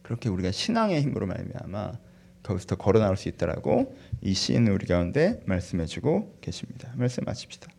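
Fervent preaching man, fast and lively. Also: on the low side, creaky, breathy edge. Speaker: pastor. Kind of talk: sermon.

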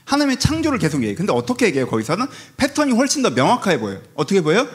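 A man preaching a sermon in a lively, conversational way, asking the congregation rhetorical questions and acting out quotes. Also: sits high, rapid-fire. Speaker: pastor.

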